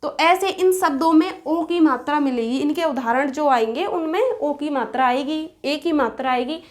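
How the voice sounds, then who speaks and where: Woman teacher with a high voice, explaining grammar step by step and answering her own questions. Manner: asks questions then answers them herself; slows down to spell out sounds and examples. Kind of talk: Hindi grammar lesson at a board.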